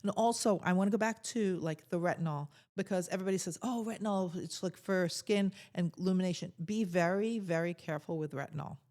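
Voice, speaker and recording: A woman's voice: lowish voice, a little fast, few pauses, darkish tone. A middle-aged woman co-hosting a casual talk, speaking in an earnest, emphatic way with frequent restarts. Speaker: podcast co-host. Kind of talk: casual chat.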